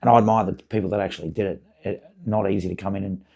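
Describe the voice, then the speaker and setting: Hoarse man, low gravelly voice. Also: very fast, lo-fi sound. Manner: relaxed, hesitant, many fillers and restarts. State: hoarse, voice partly gone. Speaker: podcast guest, basketball facility owner. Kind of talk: casual interview chat.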